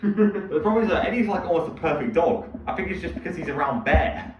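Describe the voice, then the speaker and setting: A man's voice: fairly high pitch, lively intonation, fast talker. Rambling young man in an echoey room. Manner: chatty, rambling, laughs while telling stories. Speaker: podcast co-host. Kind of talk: casual chat. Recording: echoey, distant, dull sound with faint hiss.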